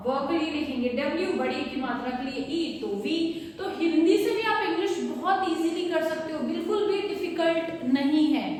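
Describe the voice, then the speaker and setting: A woman, teaching phonics patiently and spelling out sounds slowly, like a teacher at a board. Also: high voice. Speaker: English teacher. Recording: echoey room from far off, faint noise.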